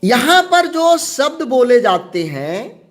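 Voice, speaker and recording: Guy teaching exam prep, really high lively voice, slow, keeps repeating terms. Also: faint music behind. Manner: slow, repeats key terms, asks and answers own questions.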